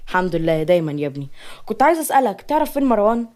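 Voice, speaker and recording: A woman's voice: mid-range voice, sing-song, rapid-fire, warm tone, lightly acted. A woman voicing an older father, grave and saddened, in an Egyptian accent. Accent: Egyptian Arabic.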